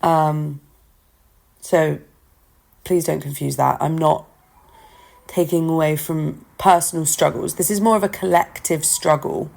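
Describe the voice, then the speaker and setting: A woman's voice: low-pitched, steady tone, unhurried, creaky, pauses often, darkish tone. A woman talking informally on her own as a podcast host, candid and self-deprecating, hesitant as she thinks aloud into her phone at home. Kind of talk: informal solo opinion talk. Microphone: talking into a phone, no studio.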